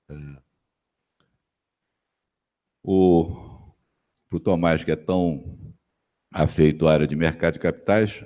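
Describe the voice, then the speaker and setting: A man with a Brazilian Portuguese accent giving a conference presentation on stage, pausing often and restarting phrases. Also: deep voice, mellow. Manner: halting, many fillers and restarts. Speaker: panel speaker, company executive.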